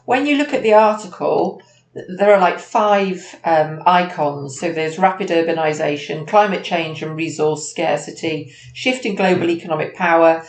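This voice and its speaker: Deep-voiced and speaking at a moderate pace, this podcast co-host keeps a business chat casual and conversational. Echo and background noise are audible in the recording.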